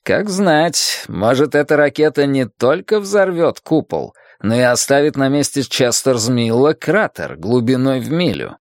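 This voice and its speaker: Narrator voicing a menacing town boss, domineering, mocking, dry close sound. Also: male voice, medium pitch, very animated, measured pace, hardly any pauses, no room sound. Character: menacing scheming middle-aged male town boss.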